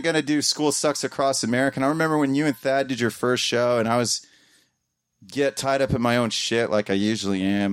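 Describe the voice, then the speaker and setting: A man's voice: medium pitch, clear, resonant tone, dry recording. Rambling, heartfelt man, dry sound. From Columbus, Ohio area. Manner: rambling, restarts often, swears casually. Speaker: podcaster speaking as a guest. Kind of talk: heartfelt casual talk to a community gathering.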